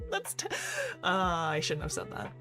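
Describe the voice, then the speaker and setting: A woman's voice: on the low side, wildly swooping pitch, slow, a bit bright. A woman psychiatrist chatting casually on a live stream, talking in circles and laughing often. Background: faint background music.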